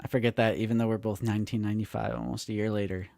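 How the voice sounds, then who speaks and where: This late-twenties co-host of a toy-collecting live stream jokes around, chats loosely, and performs quotes in an animated way. His voice sits lowish and creaky, and he talks at a racing speed. The studio recording is clean and echo-free.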